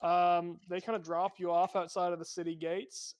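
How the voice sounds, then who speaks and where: A man's voice: sits high, flat delivery, moderate pace. A man narrating a tabletop game as game master in a casual, hesitant way.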